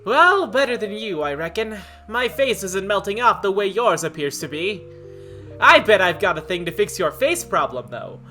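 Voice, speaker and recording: Woman doing a jaunty, bright folksy tomcat. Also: medium pitch, lively intonation, normal speed. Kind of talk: amateur cartoon dub. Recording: guitar music behind.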